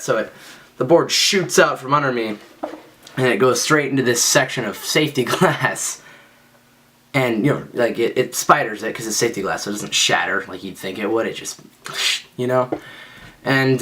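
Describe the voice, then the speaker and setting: A man's voice: mid-range voice, a bit bright. Rambling, self-mocking young man. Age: young adult. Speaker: storyteller. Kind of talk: casual spoken anecdote.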